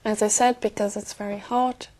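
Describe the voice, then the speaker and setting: A young woman from Brazil, an exam candidate speaking hesitantly with many fillers and pauses. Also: medium pitch, flat delivery, darkish tone. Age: young adult.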